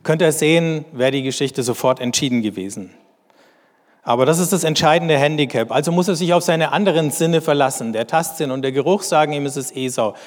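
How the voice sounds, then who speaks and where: A man reads scripture slowly and deliberately, then explains it in measured commentary. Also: a little high. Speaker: bible teacher. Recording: long hall reverb.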